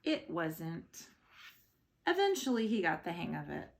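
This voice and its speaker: Woman, children's storybook read-aloud, expressive storyteller, slow pace, creaky edges to the voice. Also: on the low side. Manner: expressive storytelling with short asides. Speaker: storybook reader.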